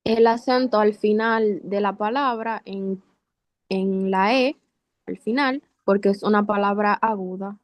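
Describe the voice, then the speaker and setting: A woman student giving careful, deliberate answers in an online class. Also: mid-range voice, fairly even intonation, no room sound.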